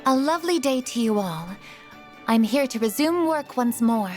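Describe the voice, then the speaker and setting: Polite robot maid, formal and composed. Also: female voice, sits high, expressive, normal speed, darkish tone, faint music behind. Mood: courteous. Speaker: video game character. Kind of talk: video game voice acting.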